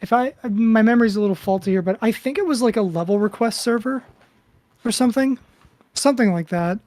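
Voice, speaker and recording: Relaxed, profane podcast co-host. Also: mid-range voice, brisk, no room sound. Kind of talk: casual chat.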